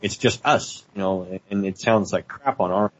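Low man, heavily compressed call audio. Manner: rambling, halting, with many restarts. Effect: heavily compressed, pumping call audio. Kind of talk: casual radio chat over a call. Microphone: internet voice call. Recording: dull, muffled call line with faint noise.

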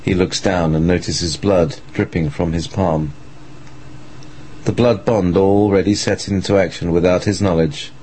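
Deep-voiced man narrating dramatically. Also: steady tone, measured pace, warm tone, slight background noise, low-quality recording.

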